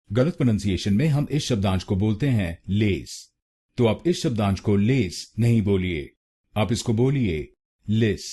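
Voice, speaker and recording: A man narrating a pronunciation lesson in a scripted way, saying each syllable slowly and repeating it. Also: fairly low pitch, dark tone, husky. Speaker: pronunciation teacher.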